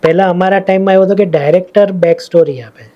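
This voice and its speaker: A man with a Gujarati accent hosting a podcast, asking calm questions in casual interview chat. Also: high-pitched, fast, dull audio. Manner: calm questioner, many short "hmm" backchannels. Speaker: podcast host.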